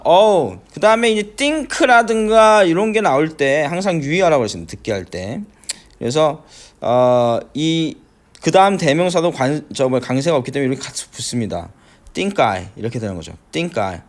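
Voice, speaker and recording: A middle-aged man teaching an English listening lesson, breaking down phrases slowly with many fillers and frequent checks that students follow. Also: medium pitch, big pitch swings. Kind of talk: classroom lecture explaining pronunciation.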